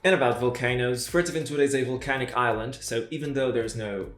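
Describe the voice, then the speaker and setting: A man co-hosting a travel vlog in casual chat, relaxed and fond of teasing. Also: medium pitch, fast talker. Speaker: travel vlogger co-host. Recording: echoey room with faint music.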